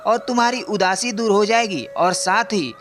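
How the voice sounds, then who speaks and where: A man's voice: high voice, normal speed, a bit bright. Man voicing a patient, wise old guru. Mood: gentle. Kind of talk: scripted storybook narration.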